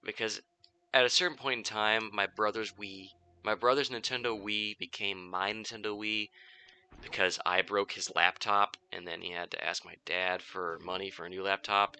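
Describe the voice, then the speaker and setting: A man's voice: low voice, fairly even intonation, normal speed, sharp tone, smooth. A man in his twenties chatting casually while he plays a video game, swearing freely and restarting his sentences as he rambles. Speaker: gaming podcast host.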